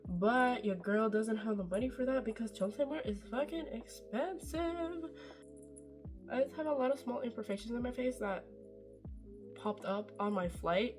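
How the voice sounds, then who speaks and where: In a mid-range voice, a chatty young beauty vlogger from Norway talks through a makeup tutorial. Her casual chat is rambling and self-deprecating, with offhand swearing.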